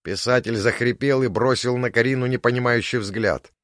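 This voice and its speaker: A man narrating an audiobook, expressive and storytelling. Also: medium pitch, normal speed, no room sound, clean studio sound. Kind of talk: scripted narration.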